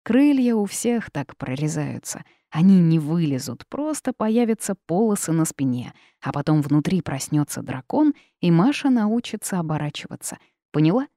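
A woman's voice: low voice, sing-song, normal speed, warm tone, dry recording, clean studio sound. A woman voicing a teasing, know-it-all male phoenix bird in a storybook reading. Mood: lecturing.

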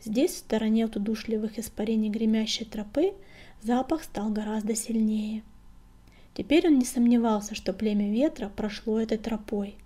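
A woman narrating an audiobook in a soft, hushed whisper. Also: fairly high pitch, steady tone, moderate pace. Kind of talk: whispered storytelling.

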